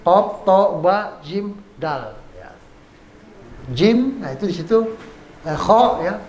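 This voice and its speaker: A man leads a recitation class in a high voice, spelling out sounds patiently and chanting short verses. He speaks at an unhurried pace. The room echoes, with a faint ambient hum behind him. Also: animated, crowd noise. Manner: patient, repeats examples slowly, chants verses. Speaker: Islamic teacher. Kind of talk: Quran recitation lesson.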